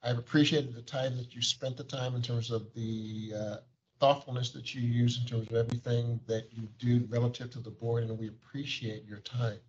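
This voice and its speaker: A man with a medium-pitched, flat voice reads monthly figures to a board at normal speed, with slight background noise. He's an agency administrator giving a formal report in a large conference room, his wordy, bureaucratic phrasing packed with fillers. The recording has a dull meeting-room quality.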